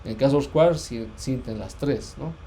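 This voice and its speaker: Hesitant physics lecturer, mellow male voice. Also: mid-range voice, normal speed, a little hiss or hum. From Bolivia. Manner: hesitant, many fillers and restarts, checks understanding often. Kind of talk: university lecture.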